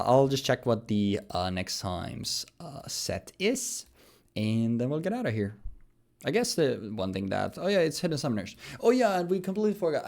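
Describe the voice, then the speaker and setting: A man in his late twenties hosting a casual card game video, joking and rambling as he talks, and going hoarse as he loses his voice. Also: mid-range voice, darkish tone. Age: 20s. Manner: joking, rambling, laughs often. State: losing his voice. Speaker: host. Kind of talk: casual gaming commentary.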